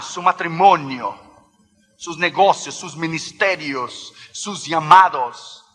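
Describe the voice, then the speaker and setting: A man preaching a sermon with passion, his delivery climbing to shouted exclamations. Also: a little high, big-room sound. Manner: impassioned, building to shouted exclamations.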